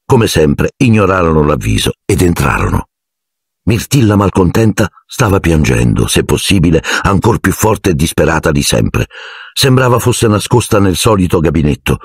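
A man narrating an audiobook in an expressive storytelling manner. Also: extremely low pitch, husky, no echo, clean studio sound.

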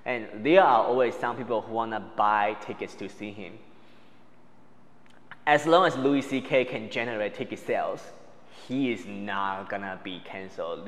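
A man's voice: fairly low pitch, long reverb tail. A man in his thirties, a stand-up comedian, speaking emphatically in a documentary interview on a lapel mic.

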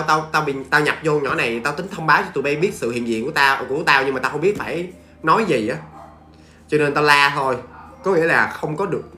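A man's voice: a little high, pushed and bright, echoey room. A man with a Southern Vietnamese accent telling a ghost story in a chatty, familiar way to his listeners. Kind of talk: casual spoken storytelling.

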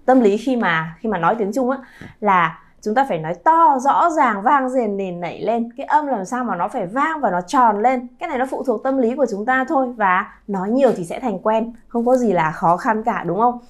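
A woman in her thirties teaching pronunciation to her viewers, lively and drawing out sounds to model them. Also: a little high, a little fast. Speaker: Chinese teacher, channel founder. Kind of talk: pronunciation lesson to camera.

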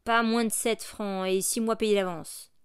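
A woman's voice: mid-range voice, moderate pace, a little mellow, clean tone, lightly acted. A woman reading aloud as a greedy, scheming male innkeeper who drives a hard bargain in a curt, demanding way.

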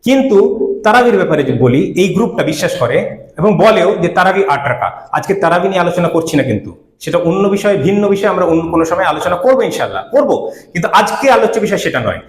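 A man's voice: sits high, very animated, racing, roomy sound. A man giving a religious lecture, arguing his points with rhetorical questions. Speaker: Islamic preacher.

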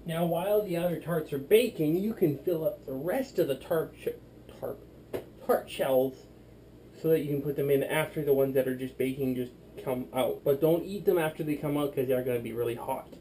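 This vlogger is a drunk young man with a fairly high, warm voice at a moderate pace, rambling and goofing around as he bakes in a small home kitchen. It's a drunken cooking demo vlog, filmed by a camera across the room with a slight hiss or hum.

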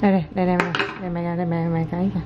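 Talking very fast in a lowish, fairly flat voice, a mom playfully coaxes her toddler and chats with viewers inside their home, laughing often. The vlog's audio is dull and lo-fi, with faint background noise.

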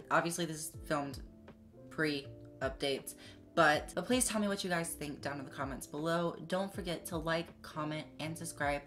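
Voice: medium pitch, fairly bright tone. A beauty vlogger in their twenties with a sassy, slangy drag queen manner, chatting casually to camera in a makeup review. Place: small indoor room set up for filming. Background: background music.

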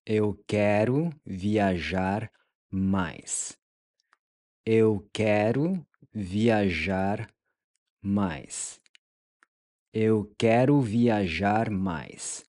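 A man teaching a beginner language lesson, speaking deliberately and repeating each word several times. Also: fairly low pitch, darkish tone, no room sound, clean studio sound.

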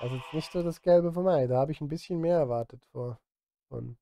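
Close to a studio mic in his home studio, a middle-aged film music composer chats on his live music stream, working through his thoughts aloud and grumbling at himself. He speaks briskly in a slightly high, mellow voice with some vocal fry.

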